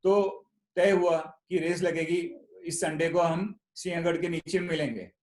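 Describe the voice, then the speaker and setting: High-voiced man in echoey room. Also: unhurried. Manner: storytelling, repeats words, mixes Hindi and English. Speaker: speaker at a club meeting. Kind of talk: motivational talk with a story. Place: meeting room.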